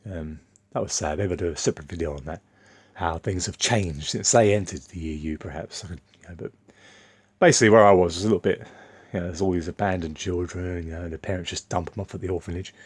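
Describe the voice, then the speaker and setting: Man, very low voice, blunt, rambling vlog talk, dry recording. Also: fairly quick, darkish tone, breathy edge, dry recording. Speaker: vlogger. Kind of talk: casual monologue.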